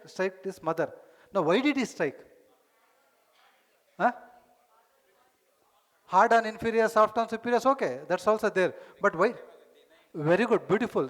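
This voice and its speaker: A man's voice: high voice, fairly bright tone. A man lecturing a conference hall and quizzing the audience, mixing in Tamil words. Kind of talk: teaching lecture.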